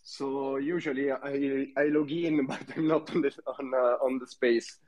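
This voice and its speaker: Italian-accented man, mellow tone, guest, halting and laughing. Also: mid-range voice, level tone, rough recording. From Italy. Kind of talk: casual chat.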